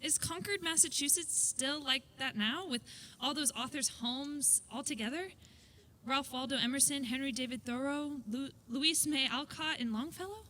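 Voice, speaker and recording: A woman playing Jennifer, a bright curious girl. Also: high voice, slight background noise. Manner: eager, questioning, quick. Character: bright curious nine-year-old girl. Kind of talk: staged concert reading of a musical.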